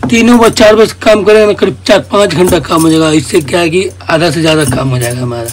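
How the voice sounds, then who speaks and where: A man's voice: fairly high pitch, quick pace, slight background noise. A man hosting a casual family vlog. He is chatty and teasing, and he talks to his viewers as friends. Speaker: vlog host.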